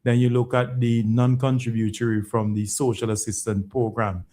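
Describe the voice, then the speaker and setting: A man's voice: medium pitch, little pitch movement, normal speed, dark tone. Emphatic man explaining policy on a phone-in. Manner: emphatic, repeats words, checks with "right?". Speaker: pension fund chief executive, programme guest.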